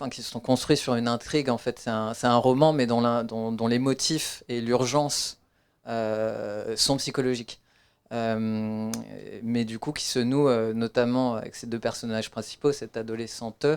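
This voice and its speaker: A man with a clear, resonant, medium-pitched voice presents his own book. Answering audience questions, he sounds hesitant, with many fillers and restarts.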